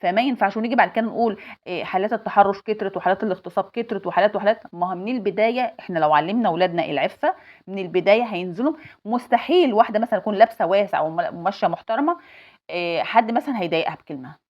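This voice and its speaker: Rapid-fire Egyptian mother lecturing. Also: medium pitch, expressive, highs cut off. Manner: insistent, lecturing, repeats her points emphatically. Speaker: mother giving parenting advice. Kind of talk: advice monologue to mothers.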